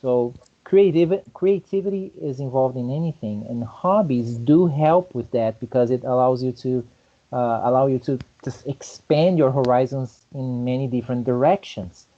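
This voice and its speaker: Man, casual online chat, rambling explanations, warm voice, muffled sound. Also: mid-range voice, moderate pace. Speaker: meetup participant.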